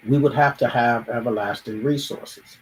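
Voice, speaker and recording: A man hosts a reflective monologue by himself, musing aloud and acting out little everyday exchanges, with the odd restart. He speaks at a normal speed with a medium pitch, on poor audio with slight background noise.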